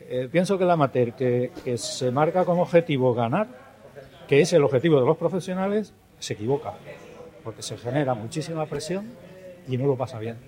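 A man's voice: mid-range voice, fairly quick, mellow. A man in his seventies, an amateur tennis player giving a reflective, earnest interview answer. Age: 70s.

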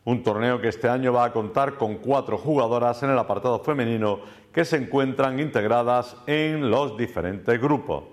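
A man's voice: medium pitch, moderate pace. Man reading news voice-over. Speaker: news reporter.

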